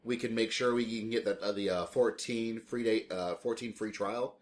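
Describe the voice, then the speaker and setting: A man's voice: lowish voice, steady tone, normal speed. A man co-hosting a casual podcast, talking loosely with frequent restarts and fillers. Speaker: podcast co-host. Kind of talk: casual chat.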